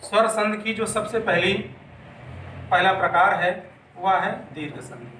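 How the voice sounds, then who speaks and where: A man's voice: sits high, steady tone, unhurried, pushed and bright, slight background noise. A man teaching a grammar lesson patiently, asking questions and answering them himself. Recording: echoey room, mic at a distance.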